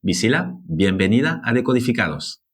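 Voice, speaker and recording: A man from France, a native French speaker, hosting an interview podcast in a lively, hesitant way with many fillers. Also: mid-range voice, normal speed, slightly rough. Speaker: podcast host.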